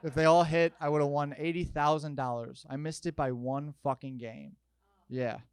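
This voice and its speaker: Stand-up comic, young man, slightly high voice, energetic storyteller with sudden loud outbursts. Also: normal speed, clean tone, no echo. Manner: animated storytelling, jumping to loud shouted bits. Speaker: stand-up comedian. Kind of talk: stand-up comedy set. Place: comedy stage with audience.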